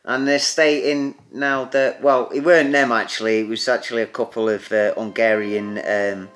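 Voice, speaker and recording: A man co-hosting a casual podcast chat, blunt and sweary, pausing often on fillers. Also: medium pitch, steady tone, a bit bright, soft background music. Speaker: podcast co-host.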